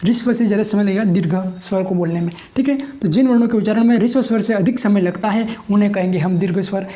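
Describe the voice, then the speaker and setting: A male teacher giving a grammar lesson, who dictates slowly while writing, repeats phrases and asks questions that he answers himself. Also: high-pitched, warm tone.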